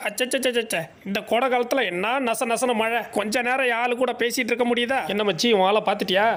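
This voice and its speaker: Quick high-voiced man, bantering. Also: fairly even intonation, music in the background. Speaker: comedy voice-over creator. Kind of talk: comic animal voice-over. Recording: noisy background.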